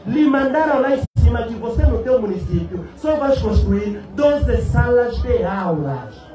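An Angolan party secretary with an extremely high-pitched voice gives an impassioned rally speech in Portuguese-accented declamation, firing rhetorical questions at the crowd. He speaks from an open-sided stand under a canopy into a cluster of press microphones and a PA. The audio is distant, with echoing PA and a noisy rally crowd.

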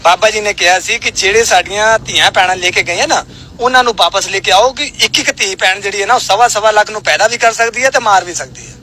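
A man's voice: sits high, quick pace, bright, forceful tone, slight background noise, low-quality recording. A man answering in a street interview, preaching and firing rhetorical questions.

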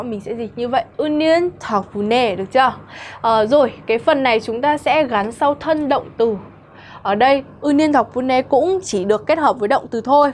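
A woman's voice: a little high, a little hiss or hum. Patient young woman teaching grammar. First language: Vietnamese. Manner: explains patiently, often asks "được chưa?". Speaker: Korean teacher. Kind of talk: grammar lesson.

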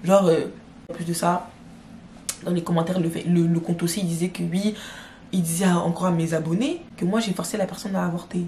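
A woman's voice: on the low side, brisk, slight background noise. A young woman vlogger retelling a drama in a casual, slangy storytime, talking straight to her viewers. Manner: slangy, addresses viewers directly, animated retelling. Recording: roomy echo.

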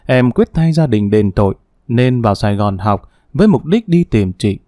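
Mellow-voiced male audiobook storyteller. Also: medium pitch, sing-song, normal speed, no echo, studio quality. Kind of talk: dramatic audiobook narration.

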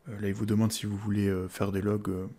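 Hesitant low-voiced French man. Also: little pitch movement, fast talker, warm tone. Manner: hesitant, many "euh" fillers and repeated words. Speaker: tech tutorial host. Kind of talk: casual screen-recorded tutorial.

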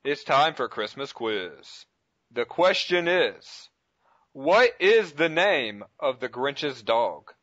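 A man playing an upbeat, booming radio prize-quiz announcer with scripted game-show patter. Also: sing-song, slow, fairly bright tone, no echo. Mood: showy. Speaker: prank radio host. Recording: dull lo-fi prank call audio.

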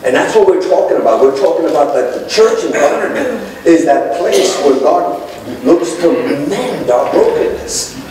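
A man's voice: on the high side, lively intonation, moderate pace, darkish tone. A middle-aged man preaching a sermon from the pulpit to his congregation, calling out to them as he gestures. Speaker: pastor. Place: church sanctuary with congregation. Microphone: pulpit microphone, filmed from far back. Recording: echoey church from a distance.

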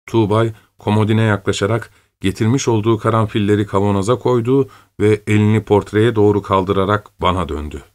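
Low-voiced male audiobook narrator. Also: darkish tone. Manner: measured, deliberate. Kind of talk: scripted narration.

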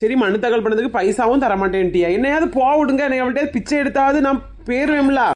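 A woman's voice: high voice, steady tone, quick pace, darkish tone, lightly acted. A woman with a Kanyakumari Tamil accent playing a young, argumentative daughter-in-law in a comic family sketch. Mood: bickering. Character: young sulky daughter-in-law, quick to argue.

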